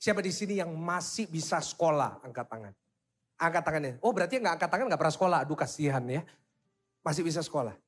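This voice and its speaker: A young man preaches to a room of teenagers in a high, light voice. He jokes about himself, teases the listeners and keeps calling for them to answer back and repeat after him. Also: lively intonation, fast. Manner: jokey and self-mocking, teasing the crowd. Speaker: youth pastor. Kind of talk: lively youth sermon with audience call-and-response.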